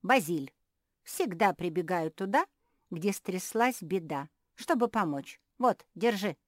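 A woman's voice: fairly low pitch, animated, takes it slowly, dry recording, clean studio sound, voice pushed up. A woman voicing a tiny, kind male gnome who is eager to help. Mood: cheerful.

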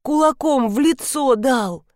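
Woman playing a squeamish young woman, tearful and complaining, slow delivery, dry close sound. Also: sits high, a little mellow, no echo, pitched above the performer's own voice.

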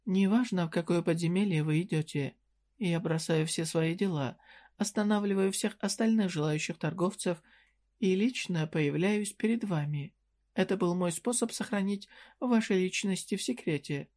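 A woman's voice: lowish voice, normal speed, a little mellow, natural voice. A reader putting on a sly, teasing female merchant. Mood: businesslike. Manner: teasing, flirty, businesslike. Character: sly cheerful female dungeon merchant, shrewd. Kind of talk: audiobook character reading.

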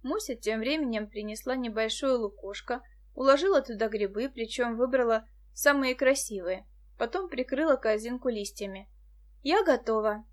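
Female audiobook narrator, calm and even, high-pitched. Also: normal speed. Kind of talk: scripted narration.

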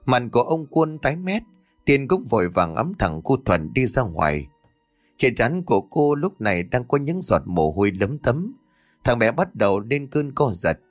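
A man's voice: medium pitch, no room sound. A man narrating a scripted horror story as a dramatic storyteller. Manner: dramatic storyteller, voices every character.

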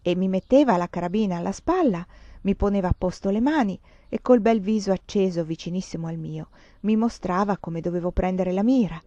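A woman reading a novel aloud in a measured, expressive way. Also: medium pitch, dry recording. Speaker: reader. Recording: dull dry lo-fi reading.

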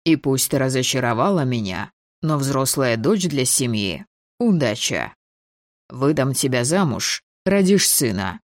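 A reader voicing a cold, ruthless, domineering man who speaks slowly and commandingly, in an audiobook. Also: mid-range voice, big pitch swings, dry recording, clean studio sound.

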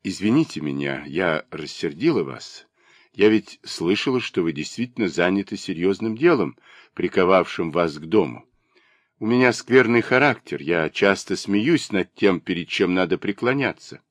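A man voicing a proud, mocking young woman of the gentry, with quick, sharp, teasing delivery. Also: low-pitched, expressive, dry recording.

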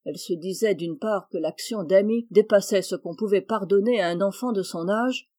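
A woman reading a novel aloud in measured, even storytelling narration. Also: medium pitch. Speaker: audiobook reader. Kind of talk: scripted narration.

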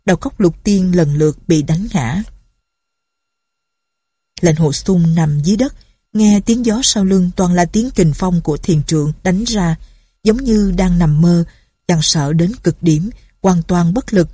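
Woman reading a martial arts novel, low husky voice, dry close sound. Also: a little slow, dark tone, no echo. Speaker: audiobook narrator.

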